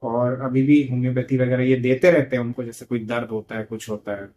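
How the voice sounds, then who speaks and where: A man's voice: mid-range voice, level tone, a little fast, warm tone, a little hiss or hum, rough recording. A man who is a homeopathic doctor, teaching by retelling a patient's case in a conversational, explanatory way. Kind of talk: retelling a clinical case to students.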